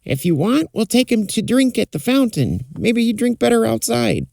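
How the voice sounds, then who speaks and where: A man's voice: very high-pitched, very animated, moderate pace, creaky, darkish tone, no room sound, voice pushed up, heavily acted. A man voicing an earnest, hesitant young stable hand in a fireside folktale. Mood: earnest, unsure.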